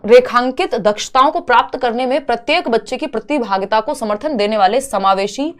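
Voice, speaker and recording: A woman teaching an online exam-prep lesson, explaining each option step by step with rhetorical questions and English terms mixed in. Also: a little high. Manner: mixes English terms into Hindi.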